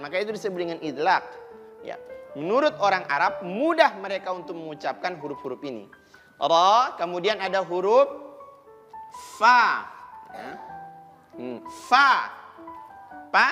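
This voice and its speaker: Slow, bright-voiced Indonesian man teaching. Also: high-pitched, big-room sound. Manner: patient, drills letter sounds by repetition. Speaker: Quran recitation teacher. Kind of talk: children's TV lesson.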